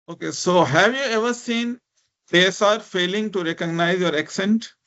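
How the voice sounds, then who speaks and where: In a high, fairly bright voice at normal speed, an Indian lecturer in speech technology runs a relaxed, supportive online session. English is his second language, after a minority language of India, and his accent shows; he leans on "right?" and "you know" to check in. The high frequencies are cut off.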